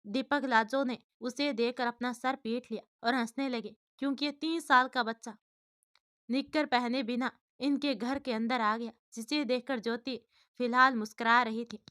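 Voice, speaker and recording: Woman storyteller, scripted narration, high pitch, dry close sound. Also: fairly even intonation, moderate pace, fairly bright tone, clean tone, no room sound.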